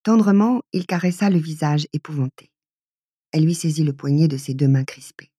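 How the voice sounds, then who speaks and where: Audiobook reader: woman, low, mellow and husky, measured storytelling, dry close studio sound. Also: no room sound. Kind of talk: literary audiobook narration.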